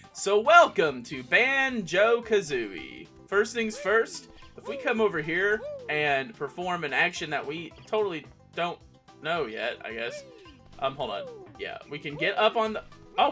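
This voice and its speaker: Bright, lively woman hosting a casual let's play. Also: low-pitched, normal speed. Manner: chatty, laughs at herself. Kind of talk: casual gameplay commentary. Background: faint game music.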